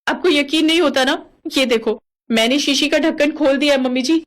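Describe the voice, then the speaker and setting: A woman's voice: sits high, a little fast, pitched above the performer's own voice, natural voice. A woman voicing a theatrical young daughter-in-law who pleads dramatically, in a cartoon. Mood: pleading. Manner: pleading, melodramatic. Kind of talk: cartoon voice acting.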